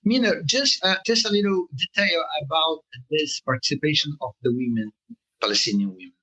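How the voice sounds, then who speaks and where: A man with a Brazilian Portuguese accent speaks as an interview guest, talking haltingly, with many fillers and restarts. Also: fairly high pitch, bright, forceful tone, slightly rough, rough recording. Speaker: political cartoonist, guest. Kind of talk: interview conversation.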